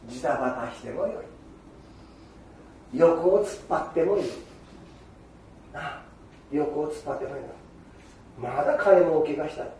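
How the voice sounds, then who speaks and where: An older man with a giving a Buddhist sermon in an animated storytelling manner, acting out quoted exchanges. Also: fairly high pitch, moderate pace, creaky, pauses often, a little hiss or hum. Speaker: Buddhist preacher. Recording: echoey hall from far off.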